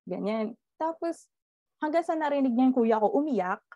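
A woman's voice: high-pitched, moderate pace, no echo. Woman telling a ghost story, laughing. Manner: animated, laughs often while telling. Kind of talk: casual ghost story chat. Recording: slightly dull lo-fi audio.

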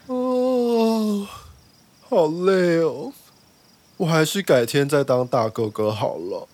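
A woman's voice: on the high side, animated, slow pace, in a large hall. A woman voicing a small, eager, boastful little boy train engine in a children's story. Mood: timid. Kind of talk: storybook reading.

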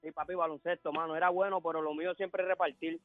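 A man's voice: fairly high pitch, level tone, fast. A Puerto Rican man calling in to a sports talk show, joking and slangy. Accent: Puerto Rican Spanish. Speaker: radio caller. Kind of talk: casual phone call. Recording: tinny phone line.

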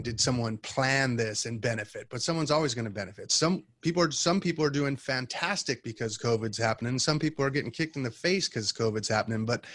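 A man co-hosting an interview, making direct, quick points. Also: medium pitch, fairly bright tone, dry recording. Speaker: co-host. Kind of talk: conversational interview.

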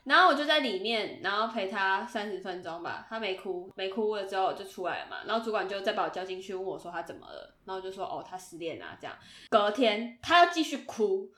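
A young woman chatting casually on a podcast, telling a story in an animated way and acting out what people said. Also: medium pitch, quick pace, echoey room. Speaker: podcast co-host. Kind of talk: casual chat.

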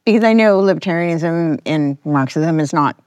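A woman's voice: sits low, moderate pace, a little mellow, no echo. A woman hosting a casual conversational podcast interview, thinking aloud in a tentative way. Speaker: podcast host.

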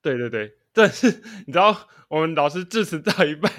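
A young man with a fairly high, bright voice talks in a brisk, animated way. He's co-hosting a casual podcast, telling stories and laughing often mid-sentence.

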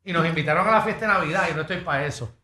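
A man's voice: fairly high pitch, racing, sharp tone. A Puerto Rican man co-hosting a radio show, teasing his partners and laughing often. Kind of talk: casual radio banter. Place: radio studio.

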